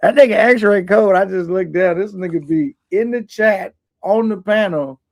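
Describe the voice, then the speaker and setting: A man's voice: sits high, moderate pace, slight background noise. A man co-hosting a livestream over headset audio, laid-back and rambling, reading viewer comments aloud. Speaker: livestream co-host reading chat. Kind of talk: casual livestream talk.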